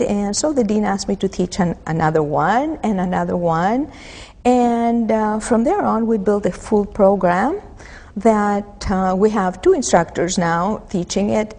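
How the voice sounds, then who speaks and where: A woman's voice: mid-range voice, warm tone. Greek-born woman instructor, reverberant hall. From Greece. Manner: thoughtful, many pauses and fillers. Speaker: mythology instructor. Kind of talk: interview answers. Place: empty auditorium. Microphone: lapel.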